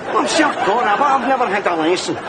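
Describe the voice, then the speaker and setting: A cheeky, leering Glaswegian man full of crude wisecracks. His voice sits high for a man, and a busy outdoor crowd and traffic noise fill the background. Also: expressive, fairly quick. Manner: leering, wisecracking, mock-consoling. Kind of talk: TV sitcom acting.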